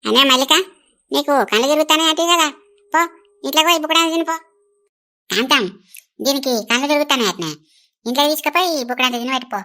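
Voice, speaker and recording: Rajavva, a shrill bold village granny, voiced by a woman. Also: fast talker, pauses often, bright, forceful tone. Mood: bossy. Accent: Telangana Telugu. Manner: bold, boastful, scolding. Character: feisty old village grandmother. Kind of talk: animated village comedy dialogue.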